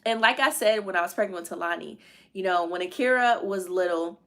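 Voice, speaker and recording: A woman in her thirties chatting casually to viewers on a live stream, animated and acting out her family's lines. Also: fairly low pitch, fairly quick. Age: 30s. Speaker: vlogger.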